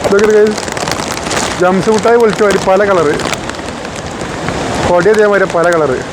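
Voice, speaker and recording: High-pitched man mixing in English. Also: normal speed. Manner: mixes English words into Malayalam. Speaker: vlogger. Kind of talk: casual outdoor travel vlog chat. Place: outdoors at a rainy waterfall. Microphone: phone. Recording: background noise of rain outdoors.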